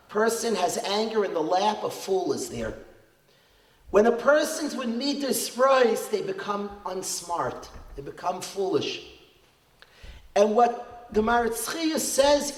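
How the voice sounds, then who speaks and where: Middle-aged rabbi addressing parents, high voice, emphatic rises, echoey event hall. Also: male voice. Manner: animated, rising to emphatic peaks, mixes Hebrew and Yiddish terms. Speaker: rabbi and school principal. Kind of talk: inspirational talk to parents. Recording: roomy hall reverb.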